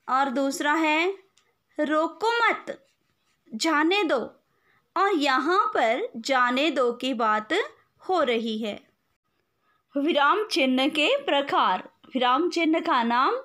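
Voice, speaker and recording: A woman teacher, giving an online grammar lesson in a slow, deliberate, dictation-like way. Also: high-pitched, a bit bright.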